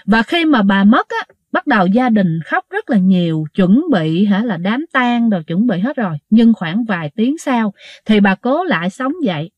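A woman telling ghost stories to her listeners in a casual, animated way, acting out the quoted dialogue. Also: medium pitch, normal speed, no echo, lo-fi sound. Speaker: ghost story narrator.

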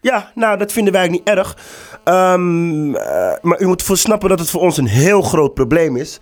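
A man making a prank call as a stern agency official, scolding and breaking into shouting. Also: sits high, very animated, normal speed, soft background music.

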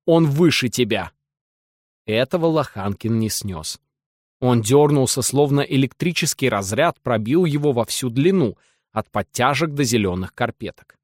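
A man narrating a literary novel as an audiobook, in a lively, ironic storytelling manner. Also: medium pitch, normal speed, dry recording, studio quality.

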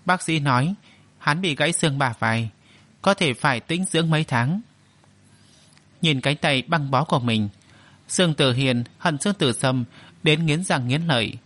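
A man narrating an audiobook in a steady storytelling manner. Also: on the high side, moderate pace, long pauses, no echo.

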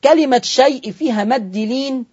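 A man's voice: very high voice, normal speed, a little mellow, husky, muffled recording. A man with an Egyptian accent hosting a televised Quran recitation lesson, asking the audience questions and answering them himself. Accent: Egyptian Arabic. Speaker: Quran recitation teacher and host.

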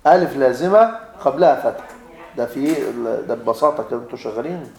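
A man's voice: medium pitch, expressive, fast, darkish tone. A man with an Egyptian accent teaching grammar to a class. He quizzes the students, repeats his points and makes teasing asides. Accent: Egyptian Arabic. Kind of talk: classroom lecture. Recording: echoey classroom.

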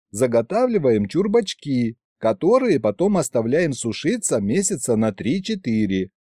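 A man voicing a chatty young elf king who explains things in a lively, raised voice. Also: fairly high pitch, dry recording, studio quality, voice pushed up.

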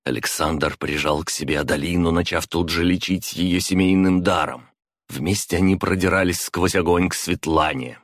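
A man narrating a fantasy audiobook in a steady, measured way. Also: low-pitched, no echo, studio quality.

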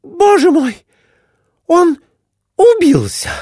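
A woman's voice: very high-pitched, sing-song, extremely slow, warm tone, dry recording, studio quality, pitched above the performer's own voice, heavily acted. A man voicing a scolding middle-aged wife in a storybook reading, exclaiming and berating her husband. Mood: horrified.

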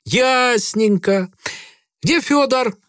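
A man voicing a drunk, insolent sailor who jeers, shouts and swears coarsely. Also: very high voice, very slow, no room sound, clean studio sound, voice pushed up, exaggerated voice. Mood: mocking.

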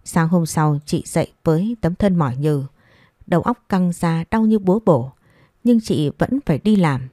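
A woman narrating a story in a steady, unhurried storytelling manner. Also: fairly low pitch, no echo, studio quality.

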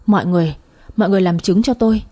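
A protective young wife calls for help and pleads in a hurried, husky voice, as a woman narrator plays her. The tone is dark and mellow. It is a storybook reading. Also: medium pitch, close to an everyday voice. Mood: urgent. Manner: urgent, pleading.

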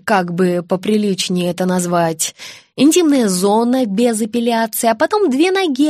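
Woman audiobook narrator, wry ironic first-person reading, higher voice, dry close mic. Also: darkish tone, dry recording.

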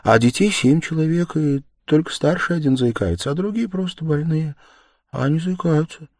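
A meek, timid young woman, voiced by a male audiobook reader, speaks softly and hesitantly, her tone lifted far above his own low register. Her words come in small, unsure pieces that swell into tearful pleading. The recording is dry and close. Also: normal speed, dry recording. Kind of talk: audiobook character reading.

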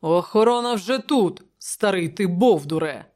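A woman's voice: mid-range voice, animated, unhurried, a little mellow, voice pushed up, lightly acted. A woman voicing a stern male commander of royal dragoons with a curt, scolding manner. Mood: angry.

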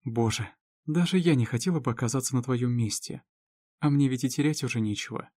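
A man voicing Lizzie, a caring, sharp-tongued woman, in a raised, teasing and scolding voice. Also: mid-range voice, fairly quick, dry recording, clean studio sound, close to an everyday voice. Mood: chiding, caring.

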